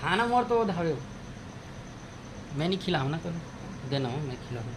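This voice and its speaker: A man's voice: on the high side, big pitch swings, moderate pace. Chhattisgarhi guy vlogging at home, jokey teasing chat, noisy phone clip. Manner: teasing, addresses viewers as friends. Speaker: vlogger host. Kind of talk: casual family chat.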